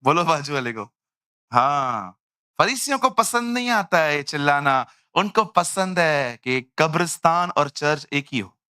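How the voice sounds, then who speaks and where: A male preacher who talks slowly and deliberately in a bright, forceful voice that sits fairly high. He acts out the people he meets and pokes fun at them. The sound is dry and close. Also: clean tone, no room sound. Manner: animated, acting out people and mocking them. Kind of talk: lively Hindi sermon.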